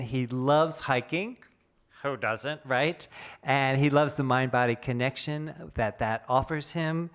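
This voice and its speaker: A man's voice: mid-range voice, clear, resonant tone. Man moderating a conference panel. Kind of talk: introducing panelists. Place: conference hall stage.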